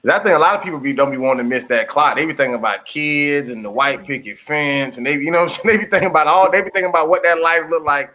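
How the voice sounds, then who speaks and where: A man co-hosting a podcast, talking in an animated, slangy way with laughs. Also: a little high, quick pace, hardly any pauses. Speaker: podcast co-host. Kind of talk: casual chat.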